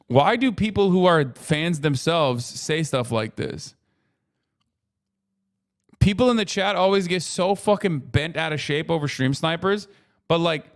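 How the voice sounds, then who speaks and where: Profane rambling male streamer. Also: on the high side. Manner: profane, rambling, frequent "you know what I mean". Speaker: streamer reacting to a video. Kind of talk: casual reaction commentary.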